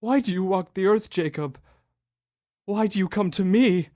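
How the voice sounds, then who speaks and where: A man's voice: high-pitched, normal speed, mellow, natural voice. A cranky old miser in a radio play, voiced by an actor. He scoffs and doubts in a querulous tone, and turns wheedling and pleading when he gets frightened. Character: miserly, skeptical old man Scrooge. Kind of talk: radio drama acting.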